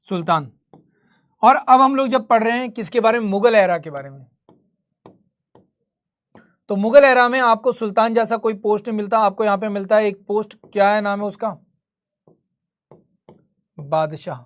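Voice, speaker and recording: A man's voice: high voice, expressive, moderate pace, long pauses, a bit bright. A man leads a history class in Hindi mixed with English, in a chatty teacher's voice. He keeps asking the students questions and then answers them himself, and he keeps the lesson moving at an easy, talkative pace. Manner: conversational, quizzing students and answering his own questions. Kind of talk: live online class lecture.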